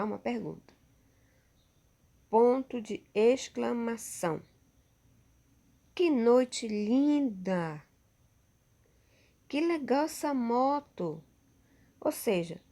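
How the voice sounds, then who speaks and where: A woman's voice: mid-range voice, vocal fry, a little mellow. A woman teacher with a Brazilian Portuguese accent giving a recorded lesson over slides, patient and checking in with her pupils often.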